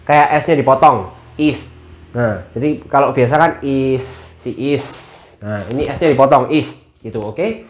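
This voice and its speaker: A chatty young man teaches beginner German in a relaxed online lesson. He keeps turning to his viewers as guys and stretches out each word when he spells it. His pitch sits at an ordinary middle level for a man. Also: unhurried, reverberant. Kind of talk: casual online language lesson.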